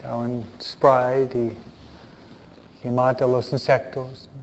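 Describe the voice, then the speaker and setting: Slow-paced priest, dull muffled recording. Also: male voice, level tone, in a large hall, a little hiss or hum. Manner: deliberate, with frequent pauses. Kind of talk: Gospel reading and homily. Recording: dull, muffled low-fidelity sound.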